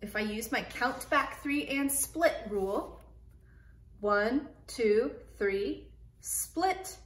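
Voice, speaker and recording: A woman teaches phonics to young children, taking her time and drawing out each sound. Her voice sits a little high and is gently encouraging. The room gives it a noticeable echo. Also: slow pace, slight background noise. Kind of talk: early reading phonics lesson.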